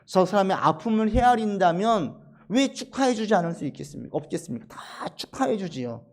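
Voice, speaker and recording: A middle-aged male pastor preaching a sermon, dropping to soft low asides and then rising into emphatic, acted-out quotations. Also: expressive, fairly quick.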